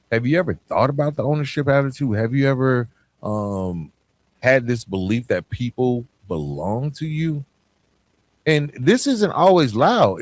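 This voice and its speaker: A male podcast host with a mid-range voice speaks plainly and conversationally in a motivational style, addressing listeners directly with rhetorical questions. There's no room sound.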